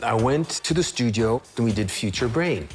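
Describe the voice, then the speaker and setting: A man in his sixties from Switzerland, a singer telling stories about his career in a relaxed interview. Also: medium pitch, normal speed, background noise. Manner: anecdotal, acts out other people's lines.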